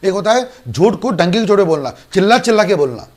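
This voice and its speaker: Animated Indian male law lecturer. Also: high-pitched, fast. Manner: animated, acts out student dialogues. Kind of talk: online class lecture.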